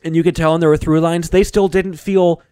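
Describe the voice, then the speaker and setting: A man chatting casually about a movie, turning loud and high-pitched when he gets worked up. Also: steady tone, fairly quick, clean tone, no room sound, studio quality.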